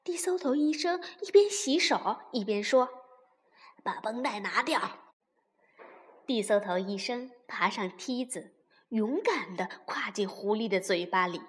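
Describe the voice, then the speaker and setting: A woman slowly reading a children's story aloud, expressive and at times dropping to a whisper. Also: a little high. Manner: slow, expressive, sometimes whispering. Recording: long reverb.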